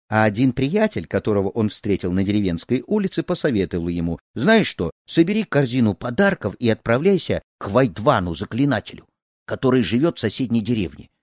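Guy telling a folk tale, really lively pitch, dry close sound. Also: no room sound. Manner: expressive, animated storyteller. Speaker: narrator. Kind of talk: storytelling narration of a folk tale.

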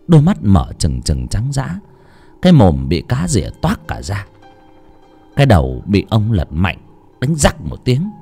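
Expressive male horror storyteller. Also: on the low side. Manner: dramatic, expressive. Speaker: narrator. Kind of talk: scripted horror story narration.

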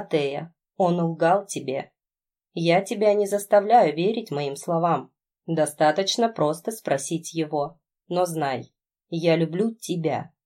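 A woman reading an audiobook, voicing a young husband who speaks in a steady, restrained way. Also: on the low side. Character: calm composed husband, young adult man.

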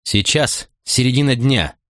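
A man's voice: fairly low pitch, very animated, normal speed, no room sound, studio quality. A man voicing a firm, terse queen in an audiobook reading.

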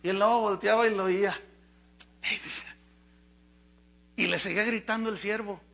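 A man preaching a sermon as pastor, telling a fable with animated storytelling. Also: high-pitched, normal speed, creaky.

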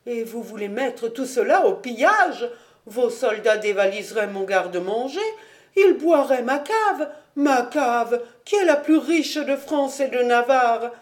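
A woman reading an audiobook, voicing an excitable male royal financier who talks in a high, indignant, breathless rush. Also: slow pace.

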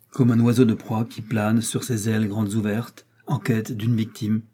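A man narrating a novel in a slow, dramatic, carefully measured delivery. His voice is dark and mellow, with a husky, slightly veiled edge. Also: medium pitch. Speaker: audiobook narrator.

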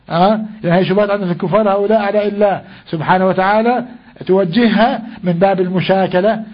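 Older male teacher with a husky voice, asks and answers his own questions in class, dull lo-fi recording. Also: high-pitched. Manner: questions the class and answers himself, drawing out verses slowly. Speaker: Quran teacher. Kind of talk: classroom tafsir lesson.

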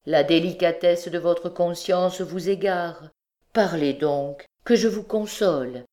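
A passionate young man, fiercely loyal to his mother and quick to flare up, as a woman reading an audiobook puts him on. His voice rises high and urgent above the narration. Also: warm tone. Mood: pleading. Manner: pleading then vehement, raised voice.

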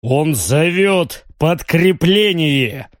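A man's voice: a little high, expressive, drawn-out words, no echo, studio quality. A man voicing an armored male warrior whose commands come muffled through a helmet. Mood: commanding. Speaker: audiobook reader voicing a character.

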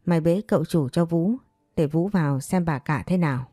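A woman voicing a loyal, protective nanny who talks in a soothing, gentle way. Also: low voice, normal speed, breathy edge, no room sound, clean studio sound. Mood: tender.

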